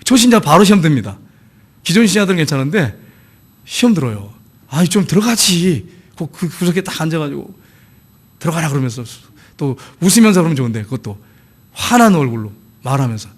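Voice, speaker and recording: A man's voice: fairly high pitch, quick pace. A middle-aged man preaching a sermon as pastor, acting out the voices of church members he tells about. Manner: lively preaching, acts out quoted church members.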